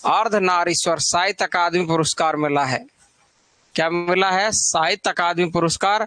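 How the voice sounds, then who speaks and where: Man, Hindi literature teacher, high voice, chatty and teasing, drills lists aloud, dry close sound. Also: a bit bright, dry recording. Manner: chatty, teases students by name between repeated lists. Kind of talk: live online exam-prep class.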